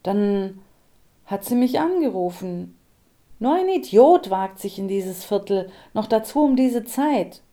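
A woman reading an audiobook, voicing a blunt, teasing young neighbor woman who talks loud and bold. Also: medium pitch, expressive, takes it slowly.

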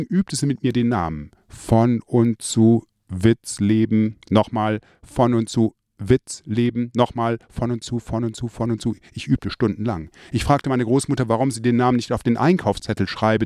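A man reading his memoir aloud in a mid-range voice, recorded dry and close with no room sound. His telling is lively, and his voice rises for the remembered lines. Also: mid-range voice, brisk, no room sound. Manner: lively storytelling, quoted lines in a raised voice. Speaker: narrator.

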